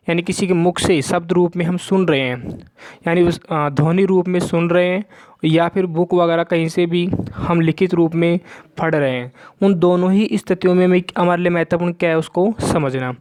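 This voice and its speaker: A male teacher with an Indian accent lecturing students. He reads English lines slowly, then explains and repeats each point in Hindi. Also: high-pitched, a little mellow. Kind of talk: classroom lecture.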